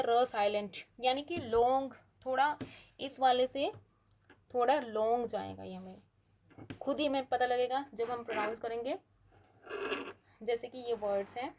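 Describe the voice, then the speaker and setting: Slow-paced woman teaching pronunciation. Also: on the high side. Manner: slow, drawn-out model words repeated for practice. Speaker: English phonetics teacher. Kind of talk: classroom-style lesson explaining pronunciation.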